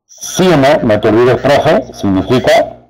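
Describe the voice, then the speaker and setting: A man teaching a spelling lesson to teachers, explaining slowly and speaking to them directly. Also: medium pitch, expressive, a little mellow, poor audio. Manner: slow, deliberate, addresses teachers directly. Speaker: teacher trainer.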